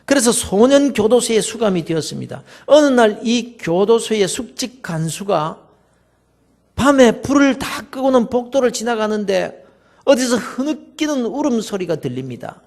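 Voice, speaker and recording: A male pastor, telling stories in a sermon and swinging from loud to soft. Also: high-pitched, sing-song, normal speed, gravelly. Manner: storytelling, dramatic shifts between loud and soft.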